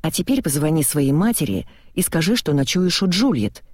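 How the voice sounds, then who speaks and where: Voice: mid-range voice, big pitch swings, normal speed, a little mellow, breathy edge, no echo, studio quality. A reader voicing an angry, bossy young man who swears and gives harsh orders in an audiobook. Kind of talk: audiobook reading.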